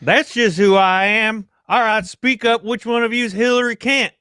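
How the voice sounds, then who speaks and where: Man playing a curt, suspicious man, smooth voice. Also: very high-pitched, steady tone, moderate pace, sharp tone, dry recording, clean studio sound. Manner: curt, blustery, dismissive. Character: gruff, suspicious, impatient wealthy father under threat. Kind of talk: old-time radio drama acting.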